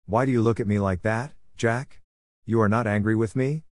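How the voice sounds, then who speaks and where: A man's voice: fairly low pitch, fairly even intonation, moderate pace, darkish tone, no room sound, clean studio sound, close to an everyday voice. A man voicing a frightened young wife who pleads desperately, in an audiobook reading. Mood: nervous.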